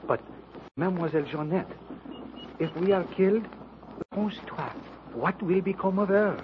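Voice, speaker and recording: An actor playing a cautious, courteous French lieutenant with a French accent, earnestly reasoning in 1930s radio drama style. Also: male voice, high voice, moderate pace, close to an everyday voice. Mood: earnest, urgent. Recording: dull, noisy old radio recording.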